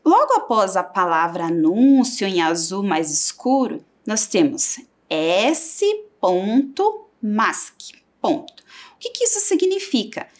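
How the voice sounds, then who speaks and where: A woman with a Brazilian Portuguese accent teaching a televised primary school lesson, sounding out syllables for children. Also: medium pitch. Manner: slow, lively, sings out syllables for children.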